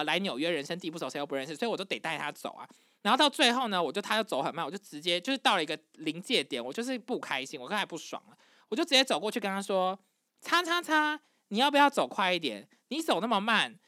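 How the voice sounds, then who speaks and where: A young woman casually retelling a family quarrel, animated and exasperated, acting out quoted lines. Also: on the low side, dry recording, clean studio sound. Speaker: storyteller. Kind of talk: casual storytelling podcast.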